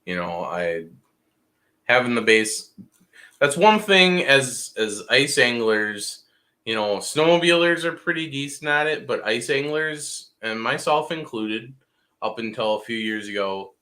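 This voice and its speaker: A man co-hosting a fishing livestream, talking in a relaxed, conversational way with frequent fillers. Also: mid-range voice, unhurried. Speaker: co-host of a fishing show. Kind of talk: casual gear chat on a livestream.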